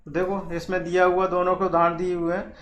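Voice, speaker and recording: A man's voice: high-pitched, completely flat delivery, a little fast, fairly bright tone. A man teaching a lesson, with mixed in, often repeating points and asking questions he then answers himself. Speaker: maths teacher. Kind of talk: classroom maths lesson. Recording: echoey room with faint background hiss.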